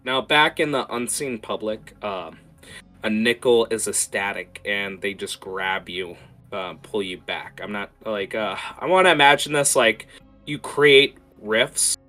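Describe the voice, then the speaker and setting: A man working as game master, improvising narration for a tabletop game in a casual, halting way and prompting players. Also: lowish voice, bright, forceful tone. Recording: music playing behind.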